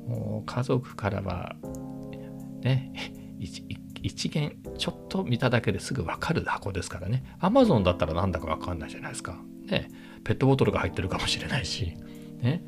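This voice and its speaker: A man with a low, gravelly voice talks casually in a rambling vlog, now and then sinking into a hushed near-whisper. Clear guitar music plays behind him the whole time. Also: very animated, a little fast. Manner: rambling, chatty, sometimes drops to a hushed low voice. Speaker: camera vlogger. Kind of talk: casual chat. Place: at home with family in next room.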